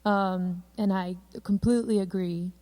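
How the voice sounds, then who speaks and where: Mellow-voiced woman. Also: medium pitch, fairly even intonation, unhurried. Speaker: theater director. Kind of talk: casual interview talk.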